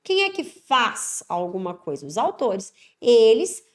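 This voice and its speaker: A Brazilian woman with a somewhat high voice walks students through grammar questions. She talks with lively emphasis and keeps checking in with quick tag questions. A slight congestion from an allergic cold sits in her voice. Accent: Brazilian Portuguese. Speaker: Portuguese teacher for exam prep. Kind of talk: online exam-prep lesson.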